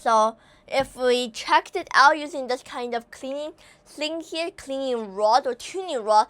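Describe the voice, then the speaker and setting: Higher-voiced woman explaining flute tuning. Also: measured pace, fairly bright tone. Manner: rambling, repeats "here" and "there" at line ends. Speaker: flute teacher. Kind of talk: casual instructional demo.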